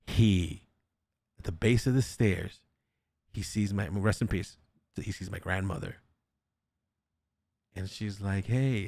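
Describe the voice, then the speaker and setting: A man's voice: fairly low pitch, dry recording, studio quality. A young man hosting a podcast, telling a ghost story casually, swearing often and acting out the voices of the people in it. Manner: animated, swears often, acts out quotes. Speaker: podcast host.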